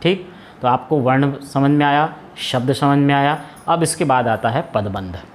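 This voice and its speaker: A man's voice: medium pitch, unhurried, a little hiss or hum. A man teaching a Hindi grammar lesson, asking questions and then answering them himself, with frequent hesitations and restarts. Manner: explains step by step, asks and answers his own questions. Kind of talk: classroom lesson.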